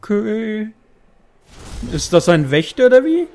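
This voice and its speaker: A man's voice: high-pitched, very animated, unhurried, creaky, darkish tone. A man giving casual let's play commentary, thinking aloud and muttering to himself as he plays. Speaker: gaming video host. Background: game music.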